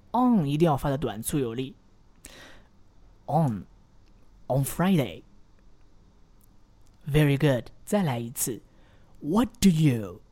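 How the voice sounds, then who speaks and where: A man teaching English pronunciation in a repeat-after-me audio lesson. He coaches patiently and encouragingly, modelling phrases slowly. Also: fairly high pitch, warm tone.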